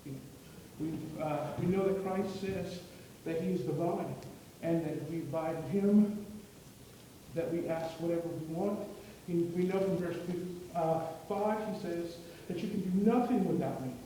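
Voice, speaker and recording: A man's voice: a little high, warm tone. A man delivering a class sermon, telling a story with many fillers and restarts. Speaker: preaching student. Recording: echoey room from far off, faint noise.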